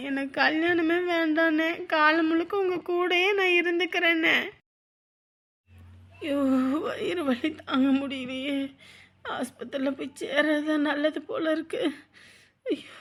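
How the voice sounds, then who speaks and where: A woman's voice: very high-pitched, flat delivery, moderate pace, bright, forceful tone, heavily acted. A woman playing a sick, suffering wife who cries and pleads with her family. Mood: pleading. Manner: pleading, moaning. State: crying.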